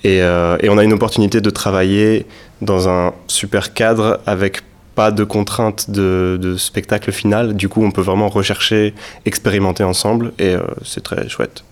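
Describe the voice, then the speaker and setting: A man's voice: fairly low pitch, normal speed. A man born in northern France, an actor, answering casually and informally in an interview. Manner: relaxed, informal.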